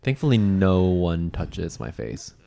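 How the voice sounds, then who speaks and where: A man co-hosts a casual podcast with dry, self-deprecating humor. His voice sits very low. He teases his co-host in a relaxed, conversational way. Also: takes it slowly, creaky.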